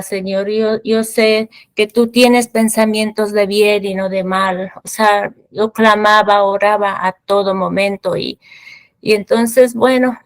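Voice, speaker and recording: A woman giving a personal faith testimony, speaking in a halting, fervent way, often repeating words as she recalls her prayers. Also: medium pitch, no echo.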